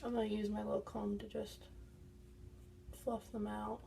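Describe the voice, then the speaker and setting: A woman's voice: medium pitch, little pitch movement, normal speed, vocal fry, warm tone, recorded from a distance, slight background noise. A woman doing a casual makeup tutorial, chatty and congested, explaining each step as she goes. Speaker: beauty vlogger.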